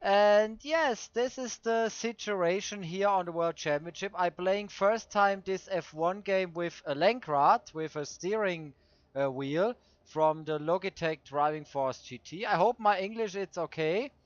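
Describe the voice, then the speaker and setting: High-voiced man with Swiss German accent, halting English. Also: no room sound. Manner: halting, searching for words in non-native English. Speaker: host of a racing game video series. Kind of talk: casual gameplay commentary. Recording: dull lo-fi dry microphone.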